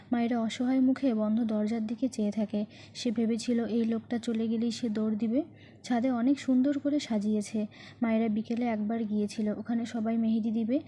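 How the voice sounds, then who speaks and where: Soft-voiced woman narrating a story. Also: on the high side, slight background noise. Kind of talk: scripted dramatic narration.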